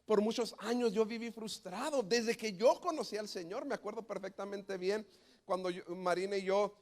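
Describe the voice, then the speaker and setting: A man's voice: high-pitched, moderate pace, a little mellow. A middle-aged man, preaching a sermon and telling a story with acted-out quotes. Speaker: pastor.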